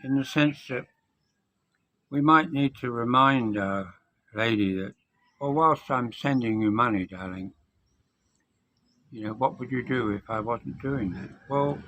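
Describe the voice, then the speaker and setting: A man with missing teeth gives an unscripted, reflective advice monologue as a vlogger, speaking in a measured way with deliberate pauses. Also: medium pitch, pushed and bright, a little hiss or hum, poor audio.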